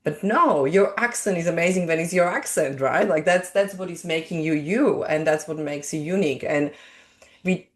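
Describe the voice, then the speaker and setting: A woman's voice: fairly low pitch, normal speed. A woman who immigrated to Australia and is not a native English speaker, hosting a podcast interview in an earnest way, often restarting and searching for words. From immigrant living in Australia. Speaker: podcast host. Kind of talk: casual interview chat.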